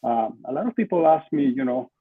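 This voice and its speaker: An older man from Lima, Peru, a marketing entrepreneur on a podcast, speaks briskly and expressively in a mid-range, slightly rough voice with a Peruvian Spanish accent. His interview answers are conversational, with emphatic repetition. He joins by video call from a small room at home, and the computer mic at desk distance leaves the audio muffled and lo-fi.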